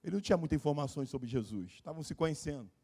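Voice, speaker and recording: A man preaching a sermon as pastor at a live church service, swinging from low confiding talk to shouted pleas. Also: expressive, very fast, slightly rough.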